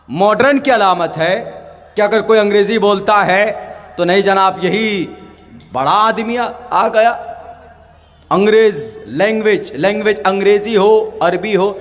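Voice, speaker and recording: A man from India gives a religious talk in a high voice that rings out through a reverberant hall. He tells his stories by acting out the dialogue, and he slows right down for carefully spaced English phrases. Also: a bit bright. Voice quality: slow, deliberate English phrases. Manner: storytelling with acted dialogue. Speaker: Islamic preacher. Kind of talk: public religious speech.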